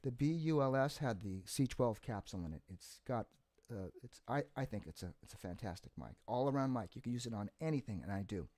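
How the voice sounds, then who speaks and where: A man's voice: mid-range voice, lively intonation, fairly quick, darkish tone. A man chatting casually on a live stream, his voice run through an added reverb effect. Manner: chatty, rambling, self-correcting. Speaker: musician hosting a live Q&A stream. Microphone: studio condenser mic.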